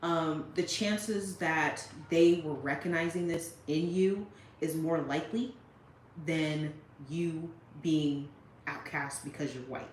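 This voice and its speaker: A woman's voice: sits low, takes it slowly. A woman giving casual commentary straight to the viewer and reading quotes aloud, often checking in with her listener. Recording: roomy echo with faint noise.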